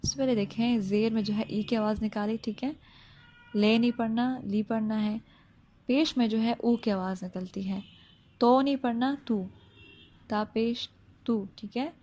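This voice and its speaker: A woman's voice: on the high side, dark tone. A woman teaching tajweed. She explains pronunciation patiently, step by step, and often checks that the listener follows. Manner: slow drawn-out recitation, then plain step-by-step explaining. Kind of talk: Quran recitation lesson.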